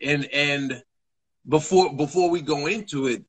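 A man hosting a podcast in casual chat, thoughtful and slow, often restarting phrases. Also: fairly high pitch, husky. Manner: thoughtful, restarts phrases, stretches words slowly. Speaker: podcast host.

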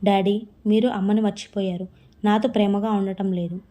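A woman's voice: mid-range voice, flat delivery, normal speed, dark tone, close to an everyday voice. A woman voicing a young girl who misses her late mother, with plain, earnest, pleading lines in a storybook reading. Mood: upset.

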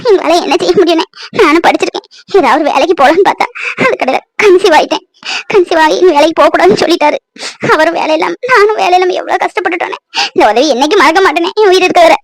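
A piercingly high, quick young cartoon mother , voiced by a woman, sobbing and pleading in speech. She sounds worn down and grateful, talking fast through her tears. The sound is dry and close. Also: no room sound. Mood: tearful. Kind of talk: cartoon voice acting.

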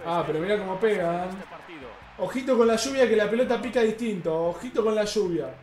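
A man with an Argentine accent streaming a football video game, commenting live, loudly cheering goals and yelling at the referee. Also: high voice, a little fast, roomy sound, soft background music. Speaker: gaming streamer. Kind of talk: excited live gameplay commentary.

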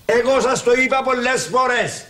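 A stingy old Cypriot uncle. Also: male voice, extremely high pitch, a bit bright. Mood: grumbling refusal. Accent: Cypriot Greek. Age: older. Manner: exasperated, theatrical sighing and cursing. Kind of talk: TV sitcom acting.

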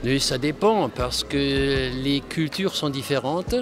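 Older man answering slowly and carefully. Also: medium pitch. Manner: slow, careful, halting phrasing. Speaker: interviewee. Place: city square outdoors. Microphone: handheld mic held by interviewer.

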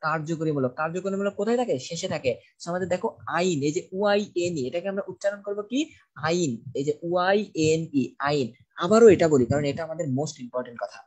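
Male tutor, dark mellow tone, patient drilling style, asks and answers his own questions. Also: a little high, quick pace. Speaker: chemistry tutor. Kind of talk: online class lecture.

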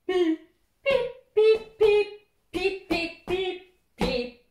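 A high, chirping robot beeps along in short, clipped bursts, as a woman acts it out for children. Each note is chopped off sharply and pitched well above her usual voice, and the sound rings around a roomy space. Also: drawn-out words, darkish tone, exaggerated voice. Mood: beeping, playful. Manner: staccato, sung beeps. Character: beeping robot with choppy movements. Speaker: music teacher for children.

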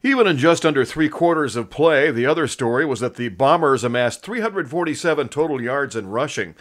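Man, local sports reporter, mid-pitched voice, scripted news narration. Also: expressive, a little fast.

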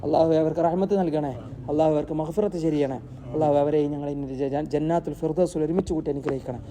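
A man teaching a Quran lesson, posing rhetorical questions and answering them himself, and reciting Arabic verses slowly. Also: fairly high pitch, steady tone, dark tone, a little hiss or hum.

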